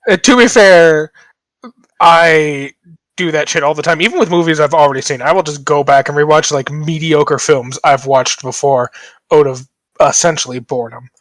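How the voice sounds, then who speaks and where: A man's voice: on the high side, normal speed, fairly bright tone, no echo. A young man hosting a podcast, casual and joking, rambling and self-deprecating. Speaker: podcast host.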